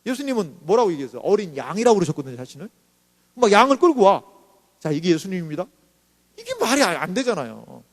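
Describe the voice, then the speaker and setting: A man's voice: high-pitched, very animated, quick pace, a little mellow, in a large hall. A male pastor preaching a sermon in a chatty way, often asking the congregation questions.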